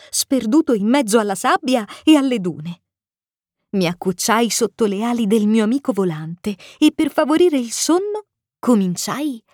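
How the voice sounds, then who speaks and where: Woman reading a kids story, bouncy expressive voice, bit high, dry close sound. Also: dry recording. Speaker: narrator.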